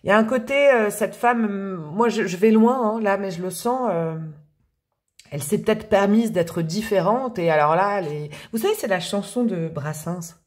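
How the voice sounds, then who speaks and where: A woman's voice: mid-range voice, normal speed, a little mellow. Chatty tarot reader, woman. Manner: chatty, hesitant, repeats words, laughs and hums song lines. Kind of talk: casual tarot reading to camera.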